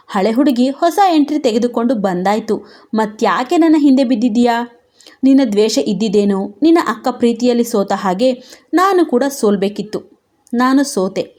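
A woman's voice: fairly high pitch, lightly acted. A woman reading a hurt, defiant young wife. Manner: sharp, bitter retorts. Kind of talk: audio story reading.

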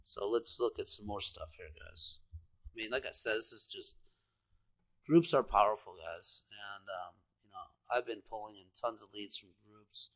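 A man's voice: lowish voice, normal speed. A man giving a casual screen-share walkthrough as an online marketer, rambling and enthusiastic, full of fillers like "you know" and "guys". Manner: enthusiastic, salesy. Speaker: online marketer walking through a screen demo.

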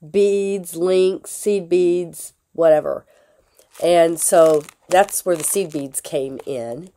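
Lady crafter, hoarse sick voice, kinda low and slow, lots of ums. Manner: slow, unhurried talk with fillers and soft laughs. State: hoarse from a lingering illness. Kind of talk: casual crafting tutorial.

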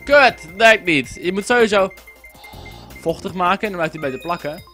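A young man from the Netherlands talks through an online racing game in a high, bright voice that leaps up and down. He is excitable, breaking into shouts and curses when a race goes wrong. Faint game music plays under his voice. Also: moderate pace. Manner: excitable, swears and yells at the game. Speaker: gaming YouTuber. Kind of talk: casual gameplay commentary.

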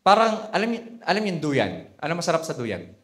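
A man with a Filipino accent preaching a conversational sermon as a bishop. He tells the story in a lively way and adds laughing asides. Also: fairly high pitch, quick pace. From Philippines. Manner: animated storyteller, mixing Tagalog and English, with laughing asides.

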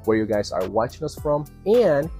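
A man's voice: medium pitch, big pitch swings, normal speed, mellow, faint music behind. A middle-aged man hosting an English lesson to camera from a porch, speaking in an emphatic, instructional way. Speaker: English teacher, host. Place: covered porch outdoors.

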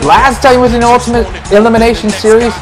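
A man doing excited play-by-play wrestling commentary, shouting at the big moves. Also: extremely high pitch, quick pace, music in the background. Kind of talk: excited wrestling commentary over a video game match. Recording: noisy with crowd roar behind.

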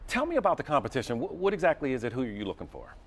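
A man's voice: mid-range voice, wildly swooping pitch, rapid-fire, breathy edge. Upbeat middle-aged male TV anchor. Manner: upbeat, conversational, playful questions. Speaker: news anchor. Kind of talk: morning TV interview. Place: TV news studio.

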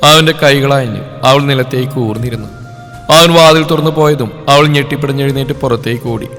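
A man reading a romance story aloud as a storyteller, in an emotive, dramatic way with short pauses between sentences. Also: medium pitch. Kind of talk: scripted romance story narration. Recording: long reverb over soft background music.

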